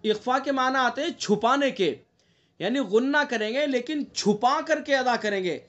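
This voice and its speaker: A man with a strikingly high voice leads an online class on Quran recitation. He explains each rule patiently, stops often to ask whether the students follow, and sounds out the nasal tones himself to show the difference. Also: fairly bright tone.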